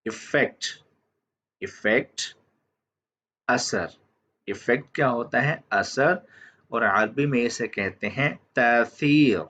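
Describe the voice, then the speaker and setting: A man teaching vocabulary, who says each word and then says it again slowly, often checking in with "theek hai". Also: mid-range voice, a bit bright. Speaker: language teacher. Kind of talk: slow vocabulary lesson. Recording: dull lo-fi audio.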